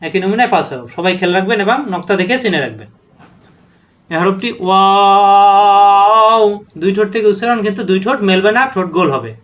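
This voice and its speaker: High-voiced man teaching letter recitation. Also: animated, fairly bright tone. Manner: drawn-out chanted letter names with short spoken explanations. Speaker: Quran reading teacher.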